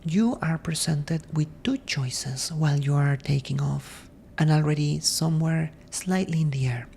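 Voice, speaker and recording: A woman speaking in a soft, breathy ASMR voice that often drops into a whisper, gentle and reflective, as if helping someone sleep. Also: sits low, a little slow, slight background noise. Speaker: ASMR host.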